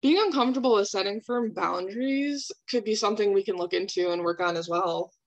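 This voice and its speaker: A woman speaking as a calm therapist in a counseling role-play, validating and asking reflective questions. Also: mid-range voice, a little fast, muffled recording.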